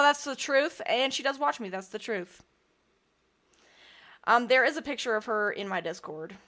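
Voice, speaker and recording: A woman's voice: mid-range voice, fairly bright tone. A young woman streamer doing rambling, self-deprecating casual stand-up, often breaking into giggles.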